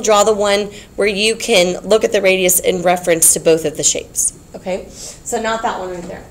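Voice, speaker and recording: Lady teacher explaining to her class, patient, keeps asking okay?, bit of background hum. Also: medium pitch. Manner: patient, repeats key points, checks with "okay?". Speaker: math teacher. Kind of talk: classroom geometry lesson.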